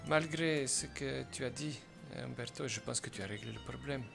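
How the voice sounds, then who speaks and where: A man role-playing a mafia boss in a game, giving calm, commanding orders and laying out plans step by step with a put-on Italian accent. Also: medium pitch, normal speed, vocal fry, music in the background. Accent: fake Italian accent. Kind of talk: in-character game role-play.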